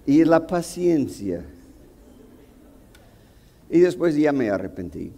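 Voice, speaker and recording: A man pastor preaching a sermon, telling a personal story with acted quotes and sudden loud bursts. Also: a little high, very animated, slow, gravelly.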